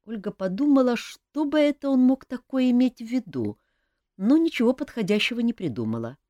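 A woman narrating an audiobook in a measured storytelling manner. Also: a little high, big pitch swings, warm tone, no room sound, lo-fi sound. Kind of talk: scripted narration.

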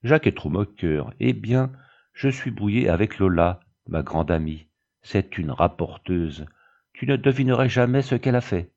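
Eager chatty little storybook girl, voiced by a man, fairly low voice, muffled lo-fi sound. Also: expressive, moderate pace, creaky, a little mellow. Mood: confiding. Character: chatty excitable young girl, sister.

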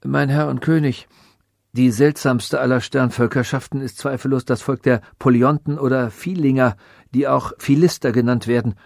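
A man's voice: medium pitch, fairly even intonation, moderate pace, gravelly, a little mellow, dry recording, studio quality, lightly acted. A man voicing a nervous, clever old male sage telling a strange tale to a king, in an audiobook reading. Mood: storytelling.

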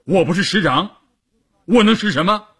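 A man's voice: fairly high pitch, brisk, bright, forceful tone, slightly rough, voice pushed up. A man voicing a stubborn middle-aged army commander who blusters and then coaxes. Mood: coaxing. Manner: blustering, wheedling by turns.

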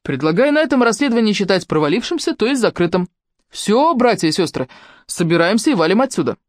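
A woman's voice: mid-range voice, very animated, quick pace, no echo, studio quality, lightly acted. A woman reading an audiobook voices a tired male detective who grumbles sarcastically. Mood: sarcastic.

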